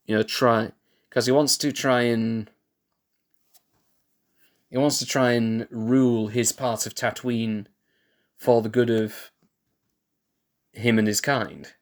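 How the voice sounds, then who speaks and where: Slow, musing male streamer. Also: lowish voice, flat delivery. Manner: musing, thinks aloud with restarts and self-corrections; laid-back, chuckles at himself. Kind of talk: casual live-stream chat while building.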